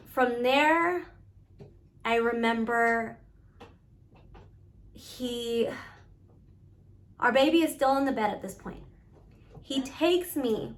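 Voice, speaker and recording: Slow-speaking woman, earnest and halting. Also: a little high. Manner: halting, pausing often, earnest. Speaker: vlogger recounting her own experience. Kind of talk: personal storytelling monologue.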